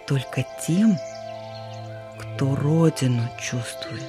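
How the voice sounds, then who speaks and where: A storyteller voicing a calm, wise forest creature who speaks softly and thoughtfully. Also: medium pitch, takes it slowly, music in the background. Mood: musing.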